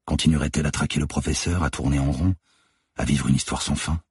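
A man narrates the audiobook in a measured, somber way, his voice extremely deep and heavily breathy. The sound is dry and close, with no room around it. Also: steady tone, darkish tone, no room sound. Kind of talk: scripted narration.

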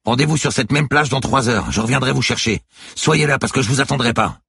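Brief: storm-battered fisherman shouting orders at sea, pitched well above the reader's own voice, put on by a male narrator. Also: brisk, creaky, husky, no echo, clean studio sound, full character voice. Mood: urgent. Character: urgent male fisherman steering through a storm. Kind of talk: audiobook character voice.

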